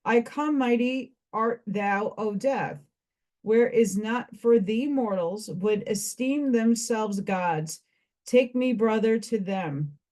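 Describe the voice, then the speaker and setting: A merciful male spirit of life who sets conditions for mortals in a measured, ceremonial voice, read out by a woman. He speaks slowly and evenly. It sounds like a plain reading voice rather than a character voice. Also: on the high side, darkish tone. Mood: solemn.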